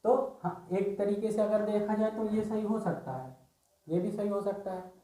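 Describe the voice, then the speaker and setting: A man with a high-pitched yet warm, relaxed voice teaches an exam-prep reasoning class, working through each answer step by step. He frequently pauses with "theek hai" to confirm his students are following, and the recording has a noticeable room echo.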